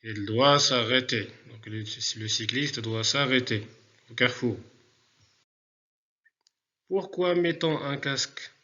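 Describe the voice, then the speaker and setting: Guy teacher reading out a spelling lesson, slow careful dictation, kinda dull lo-fi audio. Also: medium pitch, sharp tone. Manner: slow, deliberate classroom dictation, repeating words. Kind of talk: remote French spelling lesson.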